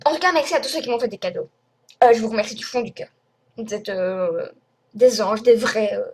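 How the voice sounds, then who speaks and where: A young French woman vlogs an indignant, rambling rant at her viewers, full of fillers, in a casual screen recording. Her voice sits on the high side and moves a little fast over background noise.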